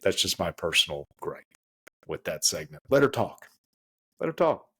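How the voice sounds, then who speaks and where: A husky, sharp-toned man, very animated and at a moderate pace, co-hosts a casual podcast chat. His rant is emphatic and riddled with stammers and restarts, his voice climbing high whenever he gets fired up.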